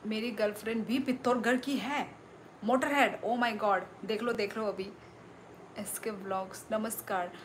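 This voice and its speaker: Slow-talking woman hosting a livestream. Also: mid-range voice, steady tone, a little hiss or hum. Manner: reads out viewer messages and super chats, often exclaims. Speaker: livestream host. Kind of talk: live stream chat with viewers.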